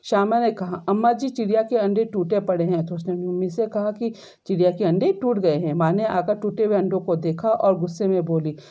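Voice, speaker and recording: A woman's voice: mid-range voice, fairly quick, dark tone, highs cut off. A woman teacher, reading a story to students, then retelling each line in simple words with frequent tag questions. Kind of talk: explaining a story lesson.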